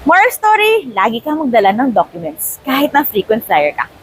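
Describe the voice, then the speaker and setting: A woman's voice: fairly high pitch, moderate pace, slight background noise, rough recording. A woman in her thirties from the Philippines, a travel vlogger chatting casually and animatedly as she tells a story from an airport terminal. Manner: chatty, animated, mixes in English phrases.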